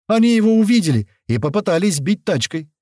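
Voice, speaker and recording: A man's voice: high-pitched, big pitch swings, brisk, warm tone, no echo, studio quality, pitched above the performer's own voice. A man voicing a dazed middle-aged miner telling what happened, in an audiobook reading. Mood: shaken. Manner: shaken, groaning.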